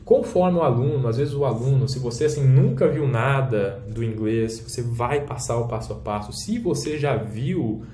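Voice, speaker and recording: A man's voice: mid-range voice, dark tone. A man with a Brazilian Portuguese accent, teaching a language lesson while demonstrating an app on screen in a casual, explanatory way with frequent check-ins. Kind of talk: screen-share demo lesson. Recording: roomy echo, faint background noise.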